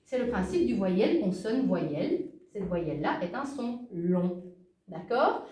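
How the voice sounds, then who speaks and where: A woman's voice: mid-range voice, big pitch swings, a little slow, mellow, roomy sound, distant mic. A woman giving an explanatory language lesson, emphatic and checking in often with her listeners. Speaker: language teacher.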